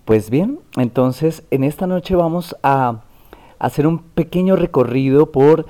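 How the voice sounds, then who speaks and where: A man's voice: fairly high pitch, unhurried, warm tone, a little hiss or hum. A man hosting a talk show, who talks in a rambling, affectionate way and often corrects himself. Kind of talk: casual interview hosting.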